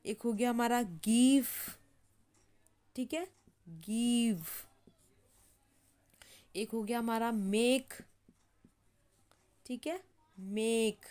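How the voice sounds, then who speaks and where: A woman teaching English pronunciation in Hindi, repeating each word slowly as she writes it and checking in with "ठीक है" again and again. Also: fairly high pitch, warm tone, clear, resonant tone. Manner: repeats words slowly while writing, says "ठीक है" often. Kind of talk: slow explanatory lesson.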